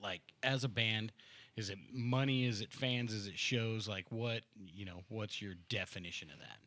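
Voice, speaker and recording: Bright-voiced casual podcast host. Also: male voice, lowish voice, no echo. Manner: loose, laughing, profane, halting with fillers. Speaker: podcast host and band member. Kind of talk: casual chat and reading a fan letter aloud. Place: home-built recording studio. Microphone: studio mic with headphones.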